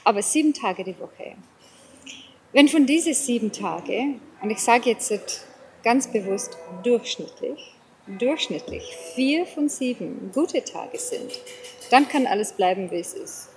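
A woman's voice: fairly high pitch, animated, measured pace, darkish tone, soft background music, poor audio. A middle-aged or older South African woman speaking German with an English accent and Bavarian touches, searching for words in a casual interview. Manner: hesitant, searching for words, repeats phrases. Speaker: interview guest.

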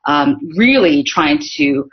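Middle-aged woman, low register, relaxed chatty interview guest from Northern California, dull lo-fi sound. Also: slow. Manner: chatty storytelling with frequent fillers. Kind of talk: casual interview conversation. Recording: dull lo-fi audio.

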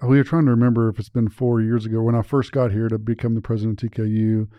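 A man's voice: medium pitch, flat delivery, fast, dry recording, lo-fi sound. A man hosting a podcast, chatting in a loose, upbeat way and poking fun at himself. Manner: upbeat, loose, self-deprecating. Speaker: podcast host, university president. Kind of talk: casual podcast chat.

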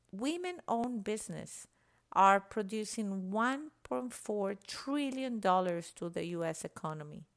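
A woman from Venezuela, speaking passionately and emphatically in a podcast monologue. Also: mid-range voice. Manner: passionate, emphatic, citing statistics. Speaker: podcast guest.

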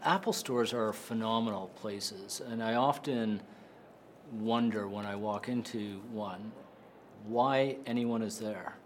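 A man hosting an interview, asking curious, measured questions. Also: on the low side, slight background noise. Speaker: interview host.

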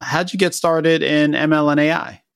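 Podcast host with a dry close sound. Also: male voice, fairly high pitch, normal speed, creaky, dry recording. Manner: relaxed, conversational questioning. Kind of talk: interview podcast.

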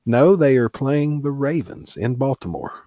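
A man's voice: mid-range voice, animated, moderate pace, lo-fi sound, a crowd in the background. A man co-hosting a podcast, chatting casually and telling joking stories. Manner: joking, storytelling. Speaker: podcast co-host. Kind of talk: casual chat.

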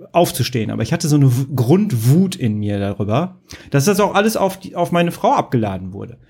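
A man hosting a podcast interview, telling his own story calmly with fillers. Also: on the high side. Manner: calm, personal storytelling with fillers. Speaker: podcast host. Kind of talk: conversational interview.

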